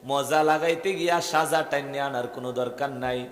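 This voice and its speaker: A man's voice: medium pitch, moderate pace. A man with a Bangladeshi accent preaching a waz sermon to a gathering, rhythmic and rousing, calling questions out to the crowd. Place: religious gathering. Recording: echoey open-air mahfil with long reverb.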